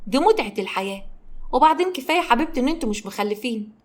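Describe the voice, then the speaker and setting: A woman's voice: on the high side, lively intonation, rapid-fire. A woman with an Egyptian accent voicing a bossy older aunt who scolds and mocks. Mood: scolding. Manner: scolding and sarcastic.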